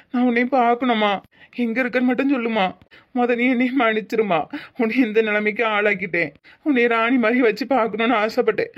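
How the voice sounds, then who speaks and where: A woman's voice: fairly low pitch, close to an everyday voice. A woman voicing a young husband in a cartoon, emotional and apologetic, with a Tirunelveli Tamil accent. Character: young husband Muthu, proud then remorseful. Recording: muffled lo-fi audio.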